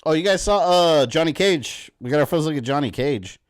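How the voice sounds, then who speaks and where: A man's voice: on the high side, animated, a little fast, smooth. A man in his thirties chatting casually as a live streamer, fannish and rambling while he plays. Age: 30s.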